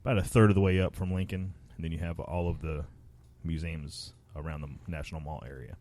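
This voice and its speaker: A laid-back man talks through things in a casual podcast chat. His voice is low and mellow. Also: level tone, brisk, slight background noise.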